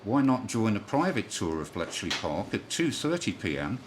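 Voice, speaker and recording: A newsreader with a lowish, sing-song voice delivers a scripted amateur radio news bulletin at normal speed, using the phonetic alphabet for callsigns. He makes occasional slips, and the shortwave broadcast is clearly noisy.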